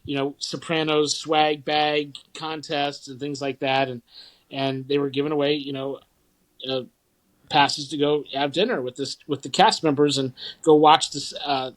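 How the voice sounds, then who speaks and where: A man in his 40s from the St. Louis area of the Midwest co-hosts a podcast over poor audio. His fairly high voice is flat and unhurried, and the casual chat rambles with fillers and restarts.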